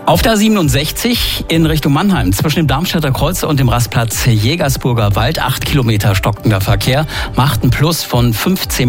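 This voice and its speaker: A man presenting on radio, breezily announcing a show trailer and traffic news. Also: medium pitch. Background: music bed.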